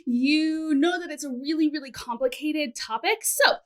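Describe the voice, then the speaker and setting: High-voiced woman hosting an interview. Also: normal speed. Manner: friendly, brief prompts and affirmations. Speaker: host.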